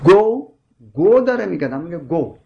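A man's voice: high voice, big pitch swings, creaky, highs cut off. A man in a scholarly debate, insistently explaining his point with repeated examples. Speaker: scholar explaining linguistics and Quran readings.

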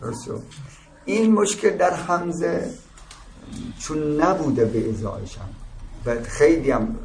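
A man's voice: a little high, darkish tone. A man teaching a seminary class, explaining step by step and often checking that his students follow. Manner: explaining with frequent checks "درست شد؟". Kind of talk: religious seminary lecture. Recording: echoey room with faint ambient noise.

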